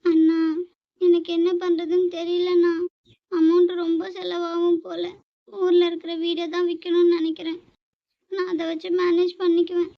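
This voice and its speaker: A woman plays a young sister who sobs and begs her older brother for help while secretly angling for his money. Her very high voice barely moves in pitch, so the pleading comes out flat and thin. The recording is dry and muffled. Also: normal speed. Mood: tearful pleading. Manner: tearful, pleading, calls him brother repeatedly. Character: young woman faking tears to get money. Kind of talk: amateur short drama acting.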